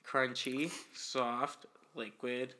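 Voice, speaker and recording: A young man hosting a podcast in casual, slangy, halting chat. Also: medium pitch, level tone, pushed and bright, a little hiss or hum. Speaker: podcast host.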